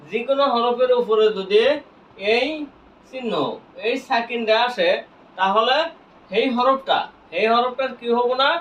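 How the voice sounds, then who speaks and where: High-voiced man teaching Quran reading. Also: fairly bright tone. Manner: repeats each point as a question, then answers it himself; slow, drawn-out spelling of letters. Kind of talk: classroom lesson with call-and-response questions. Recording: echoey, distant, dull lo-fi room sound.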